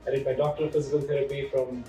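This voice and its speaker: A man's voice: mid-range voice, flat delivery, racing, dark tone. A man who teaches physiotherapy, speaking in a matter-of-fact way in a casual interview. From India. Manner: matter-of-fact, lists credentials steadily. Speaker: physiotherapy course instructor. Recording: roomy room, distant mic, faint music.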